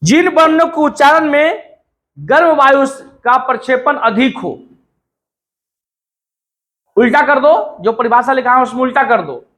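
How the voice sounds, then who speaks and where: A man's voice: extremely high pitch, a little slow, long pauses, pushed and bright. A male teacher from India giving a classroom lecture, repeating phrases and drilling students to say sounds aloud.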